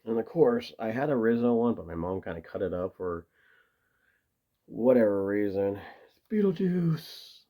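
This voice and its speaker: A man's voice: fairly low pitch, normal speed, muffled recording. A man casually rambling to camera as he shows off his collection, enthusiastic and full of fillers. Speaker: video host showing his tape collection.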